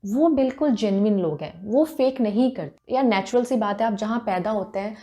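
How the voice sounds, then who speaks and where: A woman's voice: medium pitch, lively intonation, moderate pace, dark tone. A woman from India in her thirties with an Indian accent, chatting casually to camera in a Hindi-English mix with frequent fillers. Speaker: vlogger.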